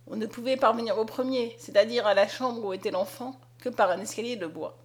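A woman narrating a story aloud in a dramatic, expressive reading. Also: fairly high pitch, brisk. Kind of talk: scripted audiobook narration.

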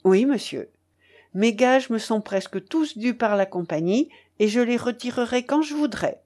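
A woman's voice: on the high side, expressive, moderate pace, darkish tone. A woman voicing a respectful young man returning home after years away, in a plain, polite manner. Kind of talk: audiobook character reading.

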